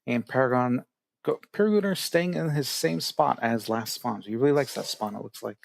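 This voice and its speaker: A man's voice: medium pitch, normal speed, gravelly. A man casting an online strategy game tournament, explaining rules with many fillers. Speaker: tournament organizer and caster. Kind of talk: casual game commentary.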